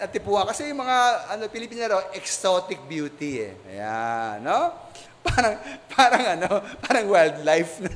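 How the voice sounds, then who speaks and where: A man's voice: high-pitched, fairly bright tone. Teasing male pastor chatting thru a sermon, voice jumps all over, church echo. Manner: playful, teasing, addresses listeners directly. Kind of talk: conversational sermon. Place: church sanctuary. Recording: church hall reverb.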